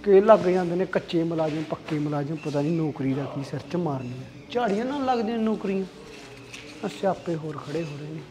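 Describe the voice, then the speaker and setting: Man doing a hot-headed young guy, high voice, fast, pushy and demanding, swears. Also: a crowd in the background. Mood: grumbling. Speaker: son and temp worker.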